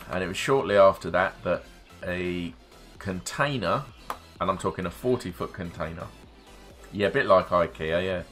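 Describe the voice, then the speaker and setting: Middle-aged man, very low voice, wry rambling game commentary, casual swearing. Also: fairly bright tone. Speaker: game streamer.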